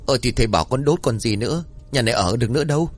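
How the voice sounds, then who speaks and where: A man voicing a greedy, lazy old village exorcist who scolds gruffly. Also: mid-range voice, lively intonation, racing, pitched above the performer's own voice. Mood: scolding.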